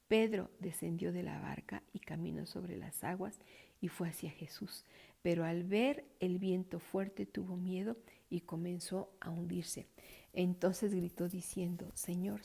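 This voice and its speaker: A woman reads Bible passages aloud for her church, slowly and carefully, her soft voice often falling to a breathy near-whisper. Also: on the low side. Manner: slow, careful reading with small slips and restarts. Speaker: church scripture reader.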